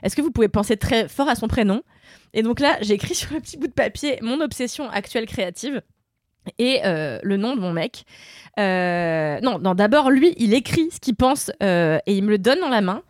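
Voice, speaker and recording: Woman, chatty podcast co-host, animated and self-mocking, dry close sound. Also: a little high, normal speed, no room sound. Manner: animated, self-mocking anecdote telling with laughs. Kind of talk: casual group chat, storytelling.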